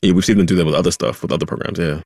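Super low gravelly dude hosting a news chat, dry close sound, reacts casually. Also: male voice, steady tone, racing, darkish tone, dry recording. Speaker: podcast host. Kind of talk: conversational news discussion.

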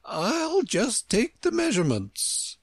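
A man voicing an imperious, bossy, politely condescending Queen in a storybook, with a shrill, swooping, grandly drawn-out delivery. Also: huge pitch swings, creaky, slightly rough, no room sound, clean studio sound, full character voice. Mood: condescendingly gracious.

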